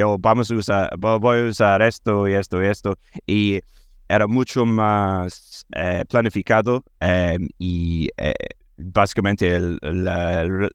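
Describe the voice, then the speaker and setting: A Scottish man, a native English speaker, speaking conversational non-native Spanish in an interview, halting and repeating words as he searches for them. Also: low-pitched, dry recording, studio quality. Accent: Scottish accent in Spanish. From Scotland. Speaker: interview guest, language learner and former English teacher.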